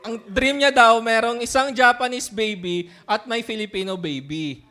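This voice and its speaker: A man's voice: extremely high pitch, normal speed, bright, forceful tone. A man, a pastor, telling a personal story in a sermon, mixing in English words and often laughing as he talks. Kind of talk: sermon testimony.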